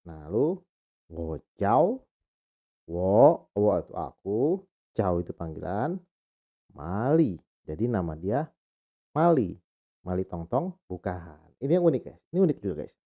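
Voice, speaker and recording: Casual young male vlogger, lower voice, chatty and slangy, slowly sounds out syllables; muffled home recording. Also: big pitch swings. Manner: casual slangy talk, addressing viewers as guys. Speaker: vlogger reviewing a language book. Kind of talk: casual vlog chat. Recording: dull lo-fi sound.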